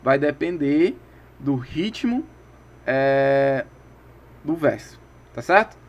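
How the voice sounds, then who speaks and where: A man from Brazil teaching a video lesson in a casual, chatty way, often pausing to check that his students follow. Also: mid-range voice, lively intonation, muffled recording. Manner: casual, keeps checking in with listeners.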